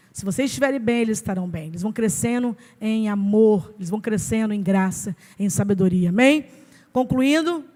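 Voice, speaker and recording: A woman's voice: fairly high pitch, darkish tone. A Brazilian woman pastor preaching a sermon in an emphatic, conversational way, asking rhetorical questions. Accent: Brazilian Portuguese. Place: church sanctuary. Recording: reverberant church hall.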